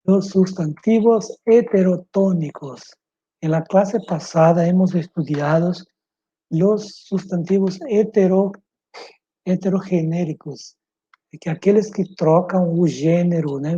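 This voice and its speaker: A man with a Brazilian Portuguese accent teaching a Spanish lesson over slides, slow and methodical, spelling out letters and repeating words. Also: high-pitched, warm tone, breathy edge. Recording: muffled lo-fi recording.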